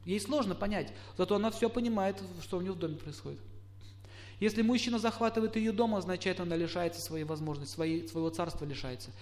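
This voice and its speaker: A middle-aged man giving a lecture, putting questions to his listeners and acting out quoted spouses in lively asides. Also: sits high, quick pace. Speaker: astrologer lecturer. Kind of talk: lecture to a live audience.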